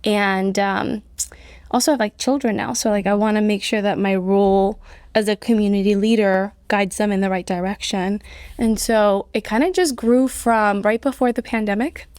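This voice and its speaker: A woman's voice: mid-range voice, steady tone, normal speed, darkish tone, no room sound, studio quality. A woman in her thirties, raised in Colombia, chatting as an interview guest, full of "like" fillers. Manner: chatty, many "like" fillers, laughs often. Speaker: nonprofit CEO, guest. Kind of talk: casual interview conversation.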